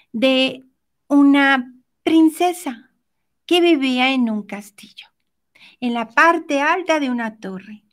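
A woman giving a motivational self-help talk, speaking gently and directly to the listener. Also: high-pitched.

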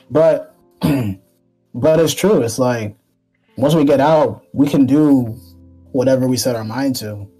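A man's voice: medium pitch, mellow, husky, soft background music, rough recording. A nineteen-year-old man co-hosting a podcast, talking casually with lots of fillers and restarts. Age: teens. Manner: halting, many fillers and restarts. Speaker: podcast co-host. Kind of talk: casual chat.

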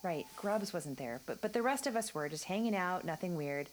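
An actress plays a young woman recounting a ghost story around a campfire. Her voice is rather low, and she tells the story in an earnest, storytelling manner. This is film drama dialogue. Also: animated, fairly quick, slight background noise, lightly acted, low-quality recording.

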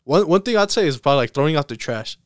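A man's voice: a little high, lively intonation, racing, dry recording, studio quality. A young man chatting casually like a frat bro, with lots of slang and swearing. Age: young adult. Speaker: podcast host. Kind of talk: casual chat.

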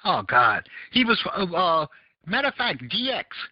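This Southern American podcast host handles casual call-in chat, rambling and searching for words with plenty of fillers. His high-sitting voice swings widely in pitch at a moderate pace, recorded without echo in dull lo-fi audio.

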